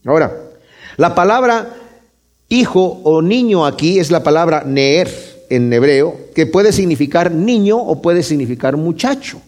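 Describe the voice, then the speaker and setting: A man's voice: on the high side, expressive, unhurried, a little mellow. A man, a pastor, preaching a conversational sermon and often checking in with his listeners. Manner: conversational preaching with frequent tag questions.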